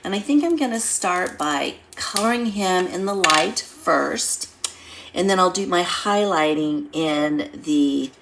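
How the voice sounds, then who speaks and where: Low-voiced woman, nasal and stuffed up. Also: gravelly, a little hiss or hum. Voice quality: nasal, congested, stuffed-nose sound. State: blocked nose from a head cold. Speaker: craft class instructor. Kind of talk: casual demonstration, talking through each step.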